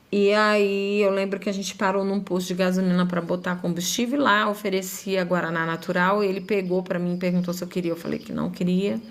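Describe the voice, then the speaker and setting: Woman giving a chatty faith testimony. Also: lowish voice. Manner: conversational, often adding tag questions like "né?" and "sabe?".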